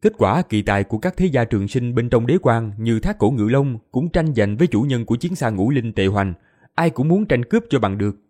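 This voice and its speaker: Man, audiobook narration, expressive, mellow, varied pitch. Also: fairly quick. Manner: expressive storytelling, voices all characters.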